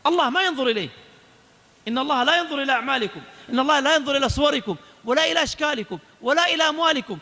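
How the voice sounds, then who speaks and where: A man's voice: very high-pitched, bright, forceful tone, big-room sound. A man giving a religious lecture, exhorting his listeners and retelling a story with quoted dialogue.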